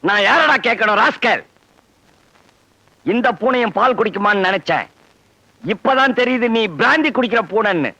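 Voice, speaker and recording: A gruff office boss who scolds with sarcasm in a very high, bright voice. The dry sound keeps him close. He talks down to everyone. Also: animated, moderate pace, long pauses, dry recording, faint music behind, exaggerated voice, rough recording. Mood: scolding.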